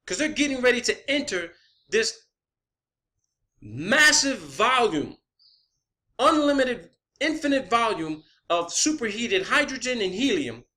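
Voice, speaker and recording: In a high, bright, pushed voice, an amateur science vlogger delivers an off-the-cuff, profanity-filled monologue with strong emphasis. He doubles up on words for stress and checks his points with questioning tags.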